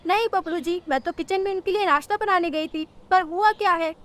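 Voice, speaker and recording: A woman's voice: very high-pitched, a little fast, pitched above the performer's own voice. A woman voicing a meek young female bird, a dutiful wife who speaks politely and pleads, in a cartoon story. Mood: pleading. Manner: polite, pleading, eager to please.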